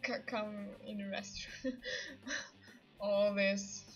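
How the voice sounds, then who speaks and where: Over dull, lo-fi stream audio with music in the background, a Ukrainian woman hosts a livestream and chats casually with viewers. She has an Eastern European accent and a giggly, hesitant way with English, and her medium-pitched, steady voice moves extremely slowly.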